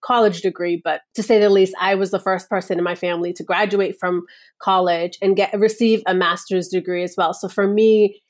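A woman's voice: on the low side, fairly even intonation, brisk. Earnest reflective woman guest. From Nepal. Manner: earnest, reflective, many "like" and "and so" fillers. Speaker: guest, personal power coach. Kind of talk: casual podcast interview.

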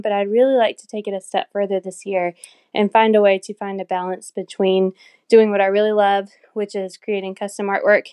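A woman's voice: medium pitch, darkish tone, smooth. A woman from Tennessee leaving a friendly, slightly hesitant voicemail message for a podcast, played back on the show. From Tennessee, USA. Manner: friendly, a little hesitant with frequent ums. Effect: recorded voicemail message played back on the show. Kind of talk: recorded voice message.

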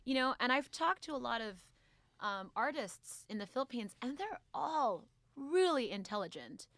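Lively woman guest on a podcast. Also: a little high, moderate pace, no room sound. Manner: animated, laughs often, drops to near-whisper when getting controversial. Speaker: guest comic book writer. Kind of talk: casual podcast chat.

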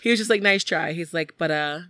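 A woman narrates a true-crime case in a casual podcast chat. She slips into the voices of the people she quotes and leans on "like" often. Her tone is bright and a little low, recorded close and dry. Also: quick pace, no room sound. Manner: animated, acts out quoted people, frequent "like". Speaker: podcast co-host.

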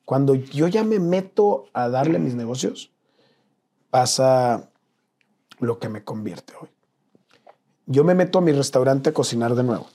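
A man from Mexico, an interview guest telling an emotional personal story in an earnest, slangy way, dropping to a hush at painful moments. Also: mid-range voice, expressive, a little slow, pauses often, husky.

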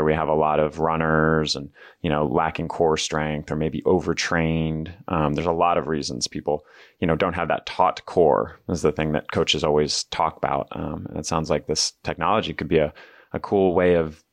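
A man with a very low voice hosts a gear podcast, asking curious questions and chiming in with frequent agreement. His voice sounds close and dry, with no room around it. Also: no echo. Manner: curious, affirming, many backchannels. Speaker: podcast host. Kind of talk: interview, casual chat.

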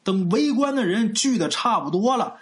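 A man's voice: high voice, animated, moderate pace. A man telling a folk ghost story in a colloquial, chatty way with little asides. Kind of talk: folksy ghost-story narration.

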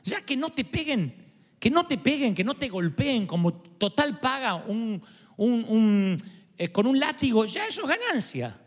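A high-pitched male preacher delivers a sermon full of humor and rhetorical questions. His pitch leaps up and down with animation. The long echo of a large church hall trails after every phrase. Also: very animated, a little slow. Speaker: pastor.

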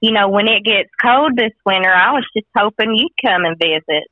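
Woman doing a backwoods kentucky hillbilly gal, missing front teeth, cheeky deadpan comedy call, dull lofi audio. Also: mid-range voice, a little fast, no echo, natural voice. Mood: folksy deadpan. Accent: Kentucky Appalachian. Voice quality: gap-toothed speech from missing front teeth. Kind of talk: comic in-character phone call.

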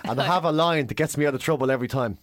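A man's voice: medium pitch, racing, no echo, studio quality. A man, a comedian host telling a funny story in casual chat, swearing and mimicking people. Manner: animated, swearing, mimics others.

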